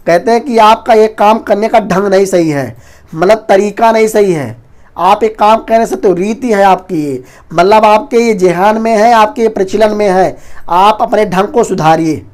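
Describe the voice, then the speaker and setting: A man teaching an online exam-prep Hindi lesson, talking very fast and loudly and often calling the viewers his friends. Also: high voice. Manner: fast, rapid-fire delivery; loud, near-shouting teaching.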